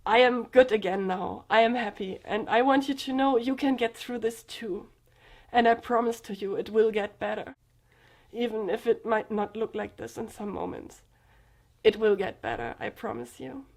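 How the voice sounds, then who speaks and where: A woman's voice: a little high, fairly even intonation, moderate pace, a little mellow. A young woman vlogger speaking earnestly and emotionally to her viewers, sharing a personal story and addressing them directly. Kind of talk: personal confessional vlog.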